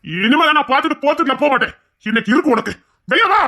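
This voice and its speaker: A performer in a homemade family drama shouts and scolds in loud outbursts. The pitch swings widely from line to line. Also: lively intonation, very fast. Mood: angry shouting.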